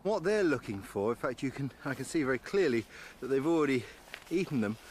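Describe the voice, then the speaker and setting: A middle-aged man with an English accent explains wilderness skills in a measured, friendly way. He is recorded outdoors in a snowy forest on a clip-on mic, with faint ambient noise underneath his voice. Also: medium pitch. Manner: calm, explanatory, enthusiastic about nature. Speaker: wilderness presenter. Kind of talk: documentary narration and outdoor explanation.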